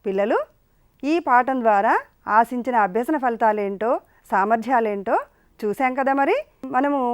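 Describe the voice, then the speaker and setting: A woman leads a children's lesson, her high voice smooth and clear. She coaxes the class along with patient questions. The sound is close and dry, with no room behind it. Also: dry recording. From India. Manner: patient, coaxing questions to pupils. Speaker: teacher.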